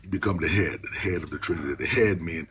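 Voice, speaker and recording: Speaking fast in a low-sitting voice, an older Bahamian man reasons with passion and informality, a Rastafarian elder using Rasta speech and patois phrasing in a Caribbean accent. Background noise is audible.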